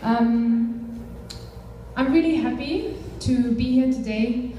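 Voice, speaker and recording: A woman's voice: on the high side, slow, dark tone, slight background noise. A young woman from Germany, a campaigns director, giving an earnest speech to a live audience with many fillers. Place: large echoey hall. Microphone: far from the mic. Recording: echoey hall, voice from far off.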